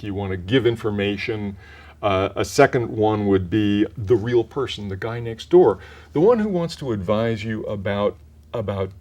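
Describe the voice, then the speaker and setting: Pitched on the low side, this older man's mellow voice carries measured, explanatory answers to interview questions, with many restarts. He is a voice actor guest who came to the work after retiring from a professional career.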